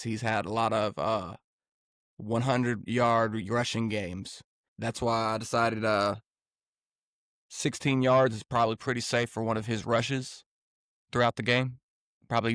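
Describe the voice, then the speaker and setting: A man's voice: mid-range voice, a bit bright, no echo, clean studio sound. A man co-hosting a sports podcast, talking through betting picks in a laid-back, rambling way. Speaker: podcast co-host. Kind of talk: casual sports-betting chat.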